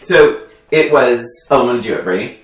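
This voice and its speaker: A woman's voice: very deep voice, fairly quick. A woman co-hosting a podcast, chatting casually and acting out quotes as she tells stories. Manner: animated storytelling, acts out quotes. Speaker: podcast co-host. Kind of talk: casual chat. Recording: echoey room, distant from mic.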